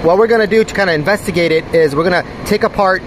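A mining farm operator talks fast in a high voice as he strolls through a large server room, phone in one hand, filming. He checks the machines and thinks aloud about hardware issues in a relaxed, hands-on walkthrough. The audio carries a loud hum of fans and air conditioning.

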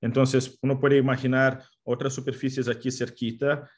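A man in his thirties who is not a native Spanish speaker lectures academically over a video call, with a foreign accent and a halting, word-searching manner. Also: medium pitch, little pitch movement. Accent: non-native Spanish. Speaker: guest lecturer, mathematics professor. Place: indoor room, video call.

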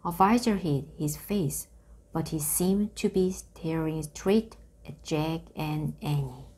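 A woman reads a children's story aloud at a very slow, careful pace. Her voice is low-pitched and slightly husky. Each phrase is set out clearly for listeners learning the language. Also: mellow. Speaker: reader. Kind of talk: reading a children's book aloud.

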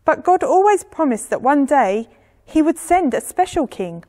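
A woman's voice: high-pitched, big pitch swings, moderate pace, warm tone, voice pushed up. Woman doing stammering timid royal advisors. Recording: echoey church hall.

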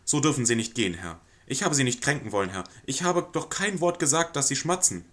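A man voicing a fretful, anxious middle-aged housewife who pleads in a high, over-eager way, reading a stage play aloud. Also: sing-song, brisk, a bit bright. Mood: pleading.

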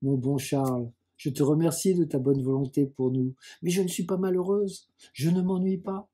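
A man reading the lines of a gentle, pious young blind woman in an audiobook, in a soft, serene, resigned way. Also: a little high, normal speed, lightly acted.

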